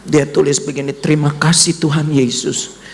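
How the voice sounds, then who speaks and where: A man's voice: little pitch movement, moderate pace, vocal fry, long reverb tail, slight background noise. A man preaching a sermon with a personal testimony, speaking emotionally and addressing the listeners directly. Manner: emotional, voice rising to high cries when quoting his son. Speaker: pastor.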